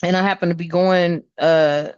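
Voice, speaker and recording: A woman's voice: lowish voice, steady tone, normal speed, clean tone, dry recording. A woman giving a casual spiritual tarot reading, talking bluntly and emphatically and swearing often. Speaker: tarot reader. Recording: dull lo-fi dry sound.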